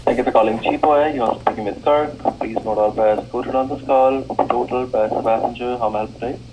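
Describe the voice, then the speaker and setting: A man's voice: mid-range voice, steady tone, brisk, highs cut off. Formal call center man, faint hiss. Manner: scripted, formal.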